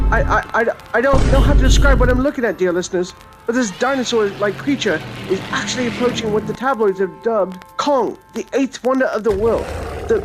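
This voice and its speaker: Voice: medium pitch, lightly acted, poor audio. A performer voicing a frantic old-time radio newsreader, reading a theatrical emergency bulletin with breathless exclamations and a melodramatic announcer cadence. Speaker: mock news announcer in a podcast promo.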